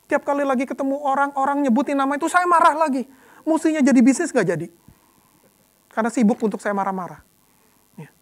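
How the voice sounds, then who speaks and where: A woman deacon preaching a sermon in a conversational way, often adding "ya" and repeating words for emphasis, moving between soft low passages and loud emphatic ones.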